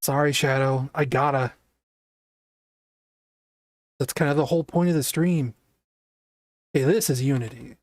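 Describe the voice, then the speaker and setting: A streamer with a naturally scratchy voice giving casual gameplay commentary, chatty and quick to react aloud. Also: medium pitch, steady tone, no echo, studio quality.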